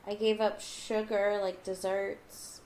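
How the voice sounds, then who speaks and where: A woman's voice: mid-range voice, little pitch movement, takes it slowly, a crowd in the background. A woman co-hosting a casual podcast, chatting in a rambling way with lots of "like", and sometimes slipping into a mock newscaster voice. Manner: chatty, rambling with many likes; mock newscaster voice in her cat segment. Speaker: podcast co-host. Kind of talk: casual chat.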